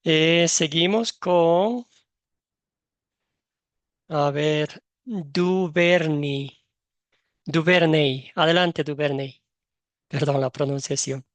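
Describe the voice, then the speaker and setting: A man's voice: on the high side, drawn-out words, long pauses, no echo. A man moderating an online Bible class, welcoming each student by name and calling on them in turn. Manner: gently guides students, calls on each in turn.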